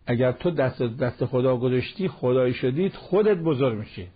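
Husky man teaching Quran commentary. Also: mid-range voice, expressive. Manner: explanatory, repeats and stresses key words. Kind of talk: televised Quran commentary lesson. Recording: dull lo-fi broadcast audio.

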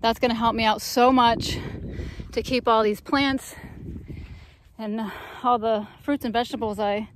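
A woman's voice: fairly high pitch, steady tone, a little slow, long pauses, slight background noise. A woman from Florida vlogging outdoors on a hillside, talking to viewers as she works, swearing casually and running out of breath. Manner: chatty, swears, talks to viewers while working. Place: outdoors on a hill by a canal.

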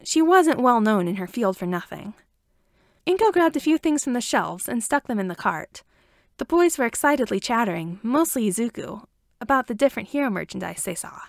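A woman reads fiction aloud in an amateur audiobook style, her slightly high voice carrying very animated intonation and vocal fry. She narrates the scripted story fairly quickly, and the dry, close recording has no room sound.

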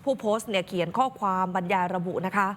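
A female news anchor at a mid pitch, talking directly to the audience with expressive emphasis. The sound is reverberant, with a faint hiss underneath. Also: quick pace. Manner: expressive, talks directly to viewers. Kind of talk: news commentary.

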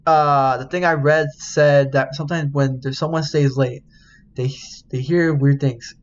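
A man's voice: fairly high pitch, steady tone, a little slow, dull audio. A man casually reading a game's dialogue aloud while he plays, swearing, laughing and yelping when something startles him. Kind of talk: casual let's-play commentary.

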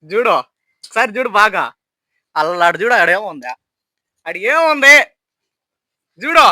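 A man filming a prank vlog on a phone at home, loudly and insistently calling out to his friend and teasing him. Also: sits high, big pitch swings, measured pace, low-quality recording. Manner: loud, insistent, repeats calls and commands. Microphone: phone camera.

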